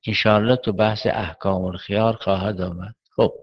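Low-voiced man giving a seminary lecture. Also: steady tone, lo-fi sound. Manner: measured reasoning, poses and answers questions. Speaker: Islamic jurisprudence teacher.

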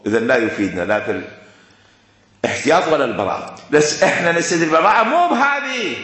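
An Iraqi-accented man lectures a class with a lively, rising and falling delivery and a bright, forceful tone. He hammers points home with repetition and rhetorical questions. The room around him is heavily echoey. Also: high voice. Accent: Iraqi Arabic.

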